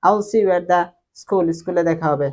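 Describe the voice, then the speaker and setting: A woman with a Bengali accent teaches spoken English, saying each phrase more than once before she translates it. Her voice sits on the low side, and she speaks slowly and deliberately. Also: darkish tone.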